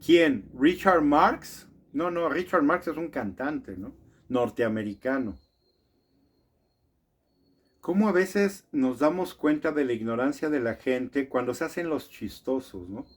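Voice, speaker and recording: A man's voice: medium pitch, lively intonation, unhurried. A man giving an indignant political commentary monologue, full of rhetorical questions and frequent tag questions. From Mexico.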